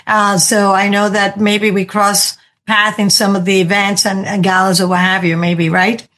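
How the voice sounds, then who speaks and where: A woman hosts a podcast interview in a chatty, upbeat way. She restarts her phrases and circles back as she talks. Her voice sits at an ordinary middle pitch. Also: little pitch movement, moderate pace, fairly bright tone. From spent twenty years in New York. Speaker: podcast host. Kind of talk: conversational interview.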